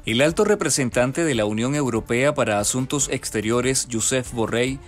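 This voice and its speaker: A man reading a scripted news voice-over in a steady, formal newsreading manner. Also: mid-range voice. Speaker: news narrator.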